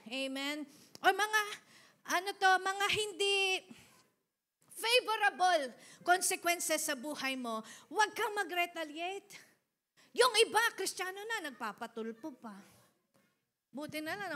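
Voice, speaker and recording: A middle-aged woman pastor delivering an animated sermon, her voice very high and bright. She shifts between loud exhortation and quiet asides, laughing often and prompting the congregation to answer.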